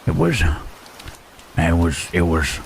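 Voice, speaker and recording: A man voicing Frankenstein's monster as a lonely, gentle creature who stammers and speaks formally in an ASMR roleplay. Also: low-pitched, big pitch swings, slow pace, vocal fry, a little hiss or hum, exaggerated voice. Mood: tender, shy. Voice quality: hesitant, stammering, formal speech. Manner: soft questioning tags, huh, eh, hmm. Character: lonely, gentle male monster, shy and halting. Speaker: voice actor.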